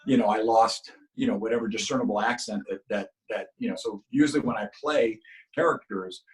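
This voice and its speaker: A middle-aged actor, born in Cuba with Spanish as his first language, tells stories as a guest in a casual interview. He's earnest and talks in long runs, restarting often, in a lowish voice at a slightly fast pace. The recording is low quality.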